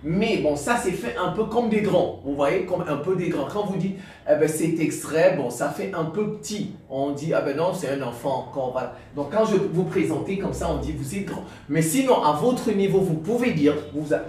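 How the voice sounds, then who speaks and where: A man teaching a lesson in a halting, repetitive way, often restarting sentences and speaking directly to his students. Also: fairly high pitch, animated, darkish tone, slight background noise. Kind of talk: classroom-style explanation. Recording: very echoey room, mic far off.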